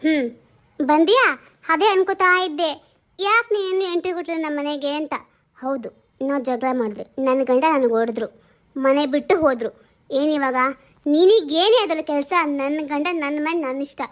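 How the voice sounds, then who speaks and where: A woman's voice: very high-pitched, normal speed, pauses often. A woman playing a young wife who laments her hardships and snaps back at a nosy neighbour. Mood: angry. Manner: tearful laments, turns sharp and scolding. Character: suffering young wife, grieving and defiant.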